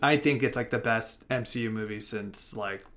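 A man co-hosting a casual sports podcast, talking loosely with swearing and bursts of excitement. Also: lowish voice, normal speed. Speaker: podcast co-host.

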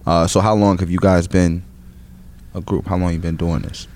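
On a music podcast, a low-voiced male host asks easygoing questions at a normal speed, often repeating "cool, cool, cool". There's a little hiss or hum behind him.

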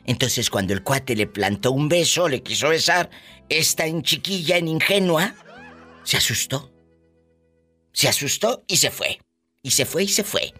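Lively Mexican woman hosting a podcast. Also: low-pitched, a little slow, breathy edge, soft background music. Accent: Mexican Spanish. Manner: lively, theatrical, teasing. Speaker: podcast host. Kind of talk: gossip talk show.

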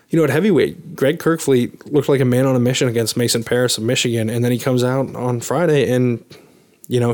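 A co-host on a sports podcast breaks down results analytically, his speech full of "um" and "you know." His voice is medium-pitched and a little mellow.

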